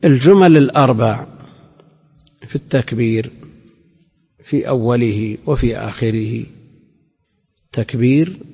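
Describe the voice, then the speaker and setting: A man's voice: mid-range voice, creaky, dark tone, slightly rough. A man, a religious scholar, giving a classroom lecture and explaining grammar point by point. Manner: explains grammar point by point, chanting quoted phrases. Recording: long hall reverb.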